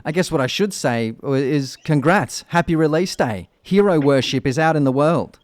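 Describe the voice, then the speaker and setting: A man hosting a casual music interview, with halting, meandering phrasing and jokey, mock-grand wording. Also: fairly high pitch, animated, no room sound, studio quality. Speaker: radio show host.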